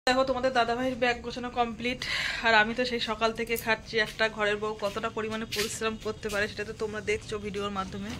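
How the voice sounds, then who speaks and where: A woman's voice: on the high side, flat delivery, very fast, fairly bright tone. A woman vlogging at home, chatting to her viewers in a running commentary while busy with chores, recorded on a handheld phone as she moves indoors and out. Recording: noisy household ambience.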